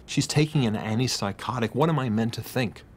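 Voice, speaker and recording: An actor playing an earnest, worried middle-aged husband confiding in a doctor in a radio drama. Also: male voice, medium pitch, brisk, a little hiss or hum, lightly acted. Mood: troubled, confiding.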